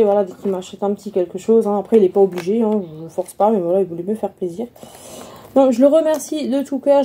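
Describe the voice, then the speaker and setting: A woman vlogger chatting casually through a beauty haul, repeating words and filling pauses. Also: mid-range voice, dark tone, slightly rough. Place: room at home.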